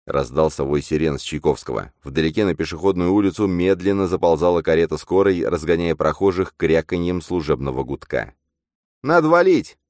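Deep-voiced man narrating a story, steady pace, dry studio sound. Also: brisk, few pauses, no echo. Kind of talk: audiobook narration.

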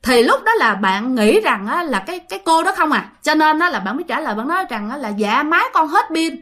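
Female host, higher voice, chatty ghost-story teller who talks straight to listeners. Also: sing-song, fast talker, a bit bright. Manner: chatty, addresses listeners directly, many fillers. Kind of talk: casual storytelling.

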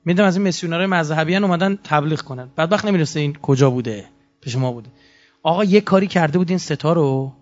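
In a lecture hall, a man delivers an anecdotal talk in a storytelling style, his slightly high voice swinging lively as he acts out quotes. The recording sounds muffled and lo-fi.

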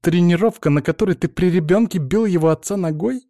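A man reading an audiobook, voicing a middle-aged woman who is sharp, ironic and cutting with her husband. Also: high-pitched, a little fast, no echo, clean studio sound, voice pushed up. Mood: mocking. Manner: cutting, mocking.

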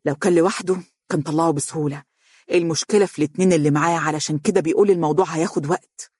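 A narrator voicing an assertive, impatient woman with high connections, in Egyptian Arabic, for an audiobook. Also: animated, no echo, clean studio sound, lightly acted. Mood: agitated. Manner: brisk, assertive, agitated. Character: forceful, well-connected woman engineer, impatient.

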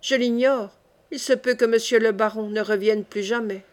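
A sleepy, suspicious young maid, read by a woman, gives curt, guarded answers. The voice sits a little high. It comes from an audiobook reading. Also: fairly even intonation, normal speed, natural voice. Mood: wary. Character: young female servant, sleepy and wary.

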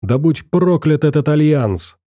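A desperate captive bandit screams his grievances in a strained, raised voice, as a male narrator puts him on. The tone stays very dark and mellow beneath the shrillness. The audiobook recording is close and dry. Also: animated, unhurried, no echo. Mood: hysterical. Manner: shrill, ranting.

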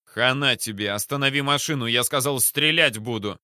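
A man voicing a blustering police captain who turns shrill and pleading, in an audiobook. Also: moderate pace, bright, forceful tone, clear, resonant tone, no echo, studio quality. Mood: threatening.

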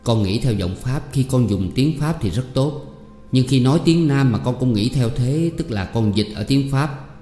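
An earnest middle-aged father , read by a man, lays out his point one measured sentence after another. The tone is mellow and rounded. It rings in a reverberant hall with faint music underneath. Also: mid-range voice, animated, close to an everyday voice. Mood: lecturing.

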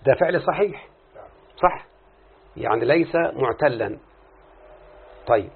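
A man's voice: medium pitch, lively intonation, a little slow, gravelly, breathy edge. A man with an Egyptian Arabic accent teaching Arabic grammar in a classroom lesson, explaining step by step and often quizzing his students. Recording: tinny lo-fi phone-like recording.

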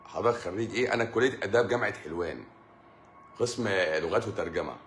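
A middle-aged Egyptian man hosts a live stream as a doctor, talking to his viewers in a rapid, casual flow. His voice sits low, and he keeps breaking into laughter as he tells stories. The sound carries a roomy echo. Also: fairly bright tone, slight background noise. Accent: Egyptian Arabic. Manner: joking storyteller, laughs often.

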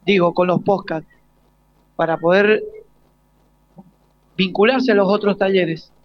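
The host, an Argentine man with a high voice, speaks slowly and with fairly even intonation during an informal live radio interview. He asks his questions hesitantly, beginning them again and again. The lo-fi broadcast has no echo but sounds slightly dull.

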